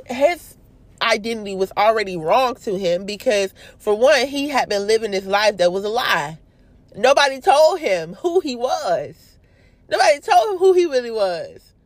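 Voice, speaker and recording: A woman's voice: on the high side, no room sound. Young woman host, casual faith talk, emphatic with slight stumbles. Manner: stumbles over words, animated and emphatic. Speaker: prayer video host.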